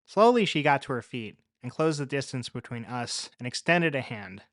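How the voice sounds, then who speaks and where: A man narrating a story in the first person with a measured, even read. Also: mid-range voice, no echo, studio quality.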